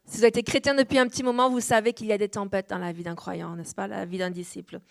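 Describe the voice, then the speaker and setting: A woman pastor in her thirties from France, preaching a sermon with an easy, earnest manner and a light French accent, full of amens and little pauses. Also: medium pitch, fairly even intonation, gravelly. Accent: French, slightly shifting. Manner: warm, earnest preaching with frequent "amen" and "euh". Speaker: guest pastor. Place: church hall.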